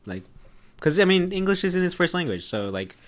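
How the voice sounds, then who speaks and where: A young man co-hosting a podcast in casual chat. He talks in a halting way, fills his sentences with "like" and laughs often. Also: sits high, very animated. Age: young adult. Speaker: podcast co-host.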